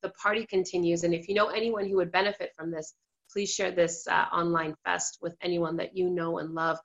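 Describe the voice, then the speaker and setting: Woman host gushing over her guest, lowish voice, kinda muffled audio. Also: little pitch movement, a little fast, gravelly. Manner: warm, effusive praise. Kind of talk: online interview hosting. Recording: dull lo-fi sound.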